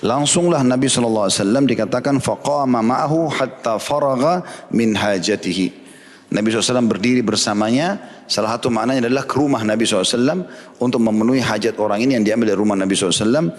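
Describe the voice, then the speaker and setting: A man's voice: racing, long reverb tail. A man giving a religious lecture, telling a story and acting out the quoted lines with his voice rising. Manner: storytelling, acting out quoted dialogue in a raised pitch. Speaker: preacher.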